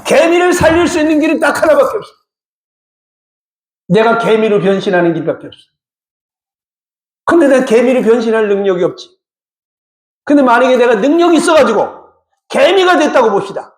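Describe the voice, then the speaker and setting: A man's voice: extremely high pitch, animated, brisk, long pauses. A middle-aged male pastor preaching a sermon emphatically and often putting rhetorical questions to the congregation. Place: church sanctuary. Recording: echoey church hall.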